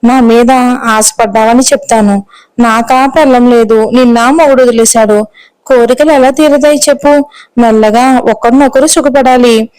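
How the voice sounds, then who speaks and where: Sleazy male shopkeeper voiced by a woman storyteller, lecherous bully, hushed threats, flat delivery, storybook reading. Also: fairly high pitch, moderate pace, clear, resonant tone, no echo, lightly acted, low-quality recording. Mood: leering menace.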